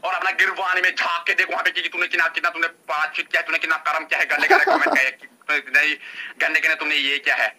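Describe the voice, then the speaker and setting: Sharp-voiced man ranting insults. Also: on the high side, flat delivery, fast, a little hiss or hum. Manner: repetitive insulting rant. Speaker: live-stream participant. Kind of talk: heated online argument.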